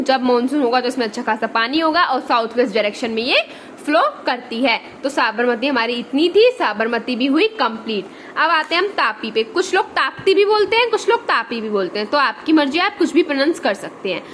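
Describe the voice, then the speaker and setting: A woman giving a lecture, slowly spelling out memory tricks and often checking in with her listeners. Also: high voice, fairly bright tone, slight background noise. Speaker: teacher.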